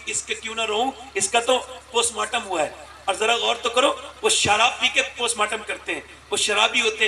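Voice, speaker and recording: A man with a very high, piercing voice preaches with an Indian Urdu accent to a large religious gathering. He turns emotional, surging into loud cries and then dropping to near murmurs. His voice is heard from a distance in an echoey hall, with faint background noise. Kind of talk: impassioned religious speech.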